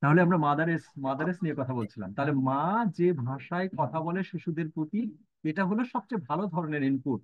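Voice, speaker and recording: A man's voice: a little high, quick pace, no echo. Man lecturing over a tinny line. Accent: Bangladeshi. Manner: mixes English reading with Bengali explanation, many fillers. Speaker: university lecturer. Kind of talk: live online lecture. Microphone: online class audio. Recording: tinny phone-like line, dry.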